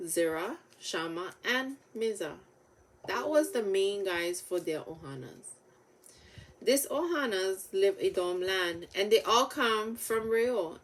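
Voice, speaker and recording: A woman with a Hawaiian Pidgin accent reading Bible stories aloud, halting a little over the names. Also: mid-range voice, a bit bright. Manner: halting over names, with stumbles and self-corrections.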